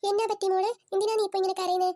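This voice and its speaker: Scheming cartoon mother-in-law put on by one voice actor, squeaky high voice, soft dark tone. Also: flat delivery, very fast. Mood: coaxing, scheming. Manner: fussing, coaxing, then shrill and alarmed. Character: scheming middle-aged mother-in-law, bossy and sly. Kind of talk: cartoon voice acting.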